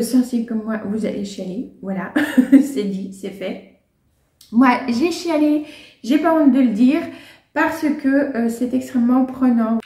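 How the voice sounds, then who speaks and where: A woman's voice: on the high side, dark tone, reverberant. A woman chatting casually about favourite books and finds, with many fillers and frequent laughs. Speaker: book and lifestyle vlogger. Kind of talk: casual chat, reviewing favourites.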